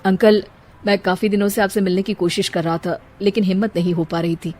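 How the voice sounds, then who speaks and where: Young husband for cartoon drama, voiced by a woman: gentle, earnest, mid-range. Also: medium pitch, steady tone, a little fast, very noisy, natural voice. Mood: hesitant. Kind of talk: Hindi moral-story cartoon dubbing.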